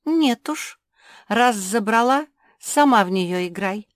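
A woman voicing an indignant young female pug dog in a children's audiobook, speaking in a huffy, sharp way. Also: medium pitch, lively intonation, measured pace, no echo, close to an everyday voice. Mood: resentful.

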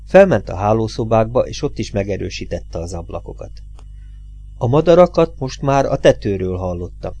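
A man's voice: lowish voice, animated, warm tone, soft background music. A man reading a suspenseful story aloud as an audiobook, with tense, dramatic emphasis. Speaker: audiobook reader.

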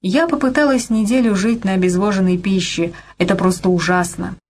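A woman's voice: medium pitch, fairly quick, a little mellow, natural voice. A woman reading an audiobook and voicing a frank, dreamy young woman. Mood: wistful.

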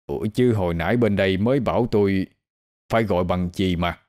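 A man's voice: deep voice, brisk, darkish tone, lightly acted. A man voicing a friendly foreign man who teases in odd, stilted phrasing. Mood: teasing.

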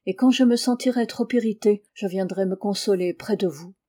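A woman's voice: mid-range voice, a little fast, warm tone, natural voice. A woman reading an earnest, devoted young son.

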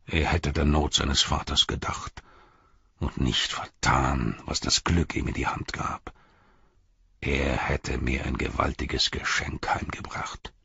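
A man reading an audiobook and voicing a bitter, scornful aging ruler who lashes out at his son, with a husky tone that drops into whispers. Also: a bass voice, little pitch movement, slow, pushed and bright, dry recording, highs cut off, heavily acted.

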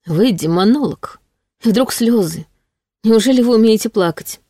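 A woman reading the lines of a protective, teasing male demon in an audiobook, speaking in a low, insistent way. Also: animated, moderate pace, mellow, dry recording. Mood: tender.

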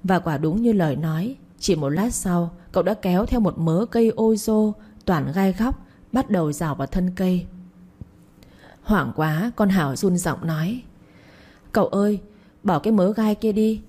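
A woman narrating a romance story in a steady storytelling manner. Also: on the low side, moderate pace, husky.

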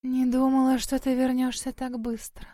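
A woman reading an audiobook voices a weary female ghost trapped in a well, speaking in a soft, sighing murmur. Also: high-pitched, flat delivery, normal speed, no echo, clean studio sound, pitched above the performer's own voice, close to an everyday voice.

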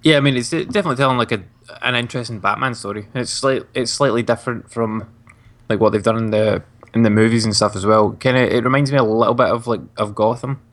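A man's voice: mid-range voice, fairly even intonation, quick pace, fairly bright tone. A man co-hosting a podcast, chatting casually, laughing often and repeating words as he talks. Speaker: podcast co-host.

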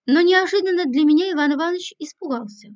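A woman's voice: very high-pitched, fast. A woman reading a first-person audiobook with a dry, ironic manner. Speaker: audiobook narrator.

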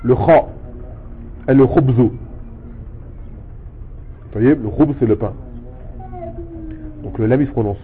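A man teaching a language lesson, explaining patiently step by step and repeating words slowly for his student. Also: medium pitch. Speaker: Arabic teacher. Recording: tinny phone-like sound with faint noise.

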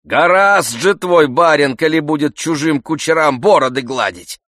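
A man's voice: fairly high pitch, normal speed, fairly bright tone, dry recording, clean studio sound, pitched above the performer's own voice, close to an everyday voice. A man voicing a sarcastic male coachman who mocks and jeers. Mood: mocking. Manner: sarcastic, mocking.

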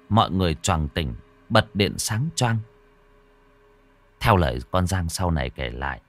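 A man with a low voice narrates a horror story dramatically. His pitch rises and falls widely as he tells it. The recording is close and dry. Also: dry recording. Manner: dramatic, expressive.

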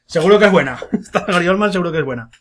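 A man's voice: sits high, lively intonation, very fast. A man from hosting a casual film podcast, joking as he tells a story and putting on silly voices for quotes. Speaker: podcast host.

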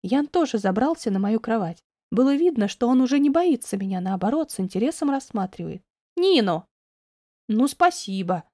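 A woman narrating an audiobook in the first person, reading in an expressive, emotional way. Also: on the high side, a little fast, few pauses, no room sound, studio quality.

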